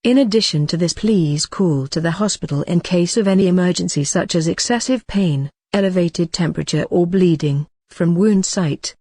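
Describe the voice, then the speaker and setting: A woman playing a reassuring ward nurse in a scripted role-play, speaking gently, calmly and rather formally. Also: lowish voice, moderate pace, few pauses, no echo, studio quality. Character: reassuring female ward nurse counselling a patient. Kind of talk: scripted role-play dialogue for exam practice.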